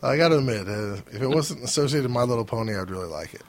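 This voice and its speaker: A man's voice: medium pitch, animated, rapid-fire. A man co-hosting a podcast, telling stories in an easygoing way and laughing between words. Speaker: podcast co-host. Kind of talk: casual chat.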